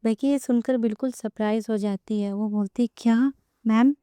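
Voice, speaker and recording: Woman narrating a romance story, smooth voice. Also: medium pitch, steady tone, brisk, mellow, no echo, clean studio sound.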